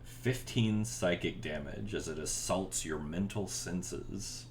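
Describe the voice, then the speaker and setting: A man running a tabletop horror fantasy game, narrating scenes informally in descriptive, drawn-out dramatic phrases. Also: low-pitched, a little hiss or hum. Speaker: game master.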